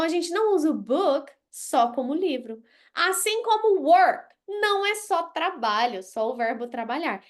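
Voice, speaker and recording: Brazilian lady teaching english live, high bright voice, blunt and jokey, overdoes the pronunciation drills. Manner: blunt, playful, exaggerated pronunciation demos. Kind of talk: live online English lesson.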